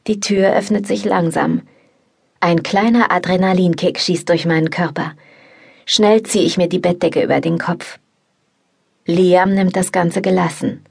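Low, husky woman narrating an audiobook. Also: steady tone, unhurried, darkish tone. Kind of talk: first-person scripted narration of an erotic novel.

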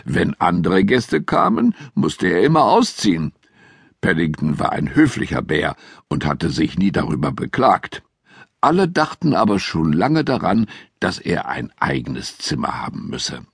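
A man narrating a children's audiobook in a measured, expressive storytelling manner. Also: sits low, vocal fry, husky, dry recording, clean studio sound.

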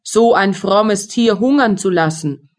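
A quick-tempered old tailor from a fairy tale, read by a woman. He talks sternly and slowly. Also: medium pitch, darkish tone, lightly acted. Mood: angry.

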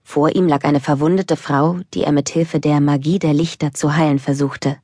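A woman reads a children's audiobook in a calm, even storytelling manner. Her voice sits low for a woman. The recording is close and completely dry. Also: moderate pace, husky, no room sound. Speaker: audiobook narrator. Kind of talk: scripted narration for children.

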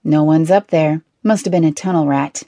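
Sir Axon, a woman playing a calm commander. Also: on the high side, moderate pace, dry recording, studio quality, natural voice. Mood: easy. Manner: calm, commanding, slightly amused. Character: calm, commanding young male noble.

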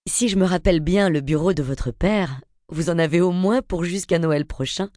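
A woman's voice: fairly low pitch, moderate pace, dark tone, no echo, studio quality, lightly acted. A woman reading an audiobook, voicing a confident, friendly woman in her forties. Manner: poised, friendly.

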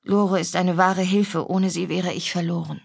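A woman's voice: on the low side, steady tone, normal speed, vocal fry, slightly rough, dry recording, clean studio sound, exaggerated voice. A woman voicing a troubled young mistress of an estate, speaking earnestly. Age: young adult.

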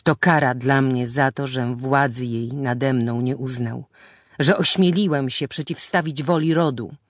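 A man's voice: medium pitch, fairly even intonation, unhurried, dry recording, clean studio sound, natural voice. Woman voicing a brooding old-world husband. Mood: grim. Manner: grave, old-fashioned formal speech. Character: brooding married nobleman, bitter toward his family.

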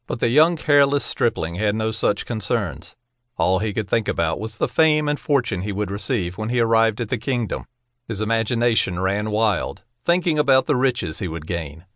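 A man narrating a children's audiobook in a gentle, expressive storytelling manner. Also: on the low side, moderate pace, no echo, studio quality.

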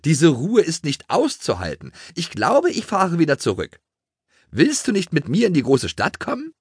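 A man voicing an excitable, restless female city mouse in a children's audiobook, shrill and hurried. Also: breathy edge, dry recording, clean studio sound, heavily acted.

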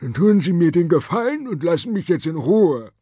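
A man voicing a weary, old-fashioned male vampire who speaks slowly and formally with a breathy tone in a storybook. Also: a little high, big pitch swings, dark tone, dry recording, voice pushed up. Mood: polite weary. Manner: slow, formal and genteel. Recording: dry studio audiobook.

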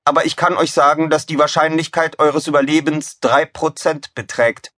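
A man's voice: on the high side, little pitch movement, moderate pace, a bit bright, no echo, studio quality, pitched above the performer's own voice. A man voicing a cheerful, polite talking ship computer in a storybook. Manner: chirpy, polite machine voice.

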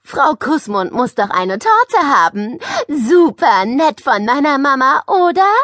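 A woman reading an audiobook voices a chatty, excitable schoolgirl who gushes over everything. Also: sits high, slow pace, no echo, clean studio sound, voice pushed up, full character voice. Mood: bubbly. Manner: gushing, excitable. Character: chatty schoolgirl, spoiled but friendly now.

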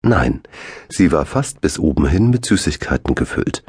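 A man narrates a children's book in a deep voice, with a lot of rise and fall in his pitch. His tone is a little husky, and the dry recording sits close to the mic. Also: moderate pace, no room sound. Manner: lively, expressive reading. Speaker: audiobook narrator.

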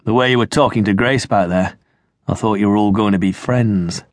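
A man's voice: on the low side, normal speed, dry recording, studio quality, lightly acted. A man voicing a loyal male vampire comrade who speaks steadily and reassuringly, in an audiobook. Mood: sardonic. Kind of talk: audiobook character voice.

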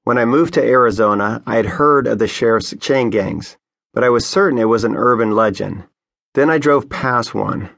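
A man's voice: medium pitch, normal speed, vocal fry, fairly bright tone. A man who is a pastor narrating his own memoir audiobook in an earnest, conversational storytelling manner, recorded on a studio microphone.

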